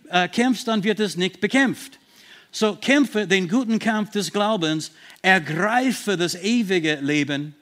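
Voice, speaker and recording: High-voiced man preaching emphatically. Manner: emphatic, slows down to stress Bible verses; repeats and restarts when searching for words. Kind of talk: sermon with Bible readings.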